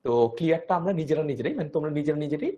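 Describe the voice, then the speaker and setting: A man's voice: a little high, animated, very fast, dark tone. Young Bangladeshi man with strained throat, teaching. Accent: Bangladeshi Bengali. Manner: explanatory, repeats key points, asks "ঠিক আছে?". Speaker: online tutor. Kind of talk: live online grammar class.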